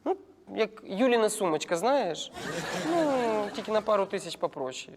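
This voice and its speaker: Sketch comedy: a man doing a high, shrill, gossipy cleaning lady, echoey room. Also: sing-song, moderate pace. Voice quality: shrill put-on female voice, surzhyk speech. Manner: chatty, giggly, exaggerated. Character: gossiping middle-aged woman, parliament cleaner. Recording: echoey room with faint noise.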